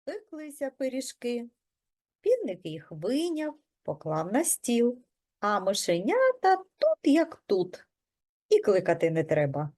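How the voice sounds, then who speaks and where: A preschool teacher reading a folk tale aloud to young children in a gentle, expressive storytelling manner. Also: female voice, on the high side, takes it slowly.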